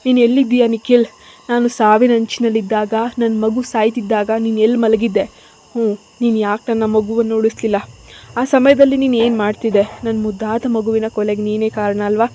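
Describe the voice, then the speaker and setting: A woman's voice: on the high side, normal speed, highs cut off, close to an everyday voice. A woman voicing a grieving young mother, frantic. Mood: accusing. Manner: pleading, then shouting and blaming. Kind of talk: audio story reading.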